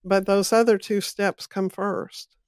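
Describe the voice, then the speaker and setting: A woman hosting a podcast interview reflects on a text in a slow, measured, thoughtful and affirming manner. Her voice is medium-pitched with a flat delivery, and the recording is dry and clean, with studio quality.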